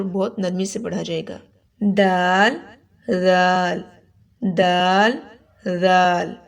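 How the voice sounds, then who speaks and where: A young woman teaching an online Quran recitation lesson, patiently explaining letter sounds and drawing them out slowly for students to repeat. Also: medium pitch, darkish tone. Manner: patient, repeats letters slowly for practice, often checks "ٹھیک ہے؟".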